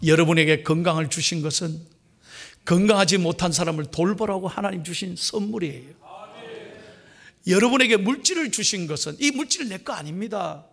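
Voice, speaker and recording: A man preaching a sermon as pastor, emphatic and dramatic, moving between loud declarations and hushed words. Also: high-pitched, fairly quick, vocal fry.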